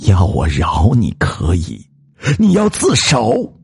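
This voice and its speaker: A man voicing a young woman who poses as a vengeful ghost, shrill and wailing, then icy. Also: lively intonation, slow pace, slight background noise, exaggerated voice. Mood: cold.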